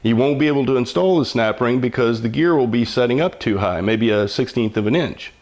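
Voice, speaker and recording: This older mechanic's mid-range, darkish voice is animated and brisk as he explains the hands-on work in order. Still, his style is patient, folksy and plain-spoken, much like an old machinist's.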